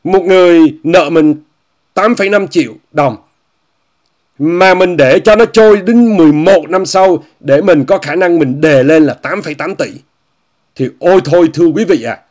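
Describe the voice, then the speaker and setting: A man's voice: on the high side, moderate pace, darkish tone. A man hosting an online commentary monologue, addressing viewers, repeating phrases and mocking what he discusses. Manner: repetitive, often repeats phrases and says "quý vị" often; scornful, mocking tone.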